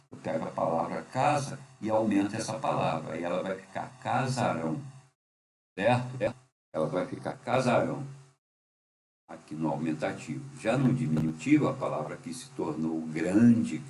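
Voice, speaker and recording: A man's voice: sits low, darkish tone. A man teaching a grammar lesson, patient and repetitive, often checking in with the listener. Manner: patient, repeats and checks with "certo?". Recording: echoey room, faint hum.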